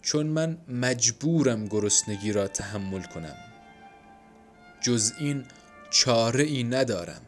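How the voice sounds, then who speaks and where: A man voicing a frail, starving performer who speaks in a faint, hushed voice in an audiobook. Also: medium pitch, lively intonation, soft background music, lightly acted. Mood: plaintive. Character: starving, frail man, proud yet resigned.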